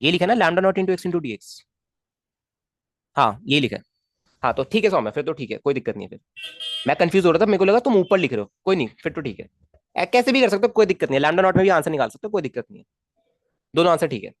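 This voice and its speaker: A man teaches physics to students in a live online class. His voice swings up and down with lively pitch as he coaxes them, repeats himself and checks they follow. The sound is dry and close, with no room echo. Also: quick pace, pauses often. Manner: coaxing, repetitive, checks in with students often.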